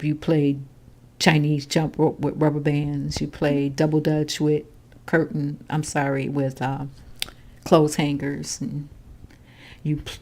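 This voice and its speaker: In an oral history interview, a low-voiced older woman from Chicago, Illinois, recalls her childhood. She's a grandmother and tells her story calmly and matter-of-factly.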